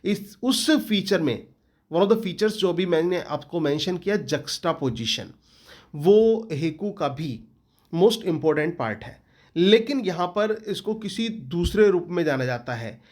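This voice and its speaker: Here a man's high voice comes across as animated yet slow. He has an Indian accent, teaches English literature, and is giving a lecture to prepare students for exams, often repeating their questions back.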